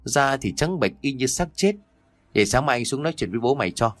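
A man voicing a blunt young farmer who talks gruffly, like an older brother scolding. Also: mid-range voice, lively intonation, brisk, no echo, voice pushed up, natural voice.

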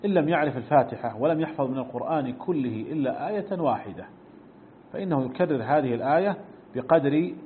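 A middle-aged man teaches a religious text at a brisk pace, explaining each point and repeating sounds to show how they are said. The recording is thin and phone-like, with a faint hiss underneath. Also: on the high side. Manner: explanatory, repeats and demonstrates pronunciations. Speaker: sheikh teaching a fiqh text. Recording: tinny phone-like lesson recording.

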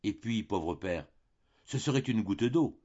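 A young countess answers her father with cool reproach, as a man reading a storybook voices her. The husky reading comes through a dull, lo-fi recording. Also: fairly low pitch, animated, measured pace, dark tone. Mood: reproachful.

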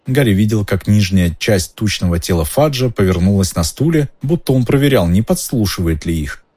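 A man narrating an audiobook in an expressive storytelling manner. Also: on the low side, normal speed, breathy edge.

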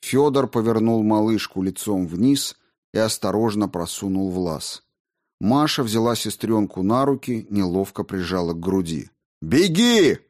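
A man narrating an audiobook in a steady, measured way. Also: on the low side. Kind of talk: scripted narration.

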